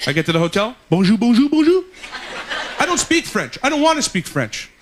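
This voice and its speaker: Animated stand-up comic man, high voice. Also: fast. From Canada. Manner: animated, acts out characters in jumps of pitch. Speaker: stand-up comedian. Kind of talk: stand-up comedy set. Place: concert hall stage with a laughing audience. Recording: loud audience laughter and room noise.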